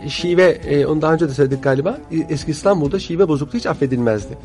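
A man's voice: on the high side, racing, darkish tone, soft background music. A man, a guest historian telling stories in a studio conversation, using courtly old-fashioned phrasing.

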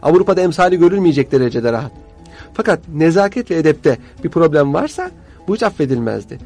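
A man's voice: fairly high pitch, big pitch swings, fast talker, darkish tone, faint music behind. A man, a guest historian telling stories in a studio conversation, using courtly old-fashioned phrasing.

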